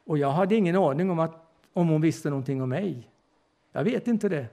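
A man's voice: fairly high pitch, dark tone. An older man preaching a storytelling sermon, retelling conversations and often turning to the audience.

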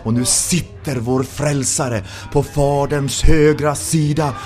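A man's voice: mid-range voice, steady tone, darkish tone, soft background music. A man from Sweden preaching a sermon in a church, with impassioned rhetorical questions that rise to exclamations.

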